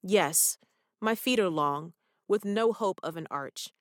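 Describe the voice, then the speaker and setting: A woman's voice: fairly low pitch, lively intonation, slow pace, no room sound, clean studio sound. A woman reading her own personal essay aloud, with reflective, wry storytelling.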